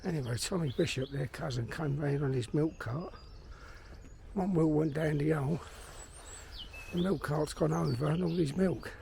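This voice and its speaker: A middle-aged Londoner, a vlogger and filmmaker, rambles bluntly to himself and swears while walking through a park. His voice is a little high and darkish, with vocal fry, at a moderate pace. Birdsong and outdoor ambience fill the background noise.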